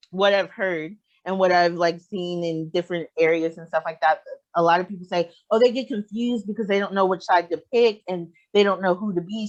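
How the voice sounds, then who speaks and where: Young podcast host with a dull lo-fi sound. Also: medium pitch. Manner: relaxed, many fillers, asks long rambling questions. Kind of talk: casual podcast interview.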